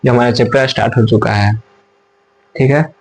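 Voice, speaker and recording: A man's voice: medium pitch, steady tone, moderate pace, darkish tone, husky, low-quality recording. Man teaching at a whiteboard, repetitive. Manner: repeats himself and asks and answers his own questions. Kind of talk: classroom lesson at a whiteboard.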